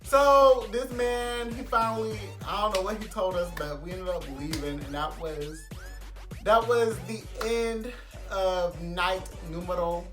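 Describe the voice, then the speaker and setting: A man's voice: high-pitched, fairly even intonation, unhurried, a bit bright. A 21-year-old American man telling a story casually in a slangy, dramatic way, acting out what people said. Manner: slangy, dramatic, acts out quoted lines. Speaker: storytime vlogger. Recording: echoey room with music behind.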